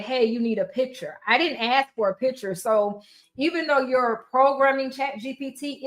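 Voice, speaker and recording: A woman hosting a casual screen-share tutorial livestream, chatting off the cuff to her viewers while eating. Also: a little high. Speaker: livestream host demonstrating software.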